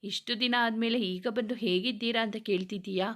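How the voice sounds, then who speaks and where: A woman's voice: a little high, fairly even intonation, fairly quick, a bit bright, natural voice. A woman voicing an older mother-in-law who reproaches the family for leaving her out, in a read-aloud story. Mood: reproachful. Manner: reproachful, hurt. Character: aggrieved elderly mother-in-law, family elder.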